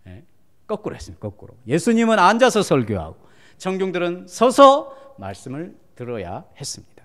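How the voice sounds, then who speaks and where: A man pastor preaching a Sunday sermon, asking the congregation questions and swinging from loud exhortation to hushed near-whispers. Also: high voice, huge pitch swings, fairly quick. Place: church sanctuary. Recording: long church hall reverb.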